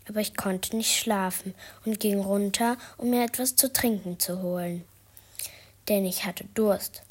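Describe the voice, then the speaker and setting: A woman narrating a children's story for her podcast in a soft, half-whispered way. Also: medium pitch, slightly rough.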